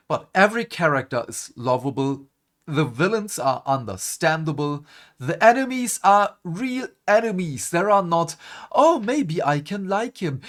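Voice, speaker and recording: A man's voice: a little high, a bit bright. A man hosting a gaming channel, ranting animatedly to camera in a groggy morning voice and swearing for emphasis. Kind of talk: casual gaming commentary to camera.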